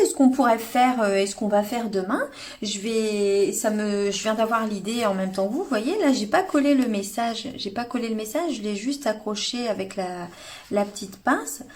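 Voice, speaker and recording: A woman's voice: mid-range voice, darkish tone. A French woman leading a live paper-craft tutorial, chatting to viewers by name, with many fillers and restarts. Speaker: craft demonstrator. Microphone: livestream webcam or phone.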